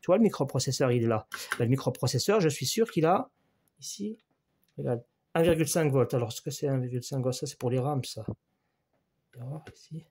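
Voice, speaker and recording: A man's voice: medium pitch, animated, a little fast, long pauses, a little mellow, a little hiss or hum. A French-speaking man giving a hands-on electronics repair lesson, explaining each measurement step by step and talking straight to the viewer, often repeating his key points.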